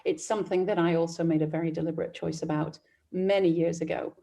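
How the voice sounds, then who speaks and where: A woman hosting a podcast interview, asking questions and reflecting in a measured way. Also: fairly low pitch, fairly even intonation, vocal fry, warm tone.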